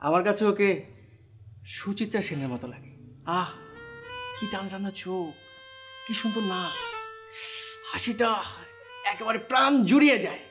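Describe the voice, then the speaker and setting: Cheeky, defiant younger brother. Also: male voice, extremely high pitch, big pitch swings, quick pace, music in the background. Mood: teasing. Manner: mocking, teasing back. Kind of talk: Bangla TV drama acting.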